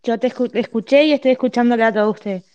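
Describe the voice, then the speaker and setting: Woman, slightly high voice, calm, conciliatory, peacemaking, dull muffled recording. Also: racing, clear, resonant tone. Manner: calm, conciliatory, trying to settle a fight. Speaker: participant in an online audio chat. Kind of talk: online group discussion.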